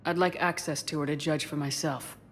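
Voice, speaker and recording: An actress playing a composed, firm military space commander in a video game, terse and probing. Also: female voice, low voice, fairly even intonation, brisk, a little hiss or hum, natural voice. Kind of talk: dramatic video game dialogue. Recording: music behind the voice.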